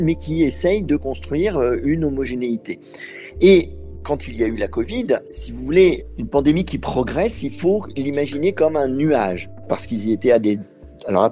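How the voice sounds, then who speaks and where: As an expert guest in an interview, a man explains things step by step in a medium-pitched, dark-toned voice. He hesitates often and uses lots of fillers.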